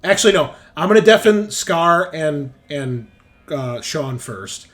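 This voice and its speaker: An expressive, slightly high and bright-voiced man game-masters a tabletop session at a measured pace over a headset call. He keeps the talk casual and repeats phrases while thinking aloud, against clear background noise.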